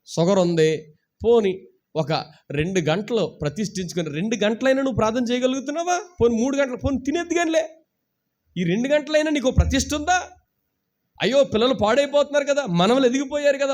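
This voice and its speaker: A man with a notably high voice preaches a sermon to his congregation. He keeps throwing rhetorical questions at the listeners and urges them to shout hallelujah. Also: lively intonation, a little fast. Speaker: pastor. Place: church service streamed live.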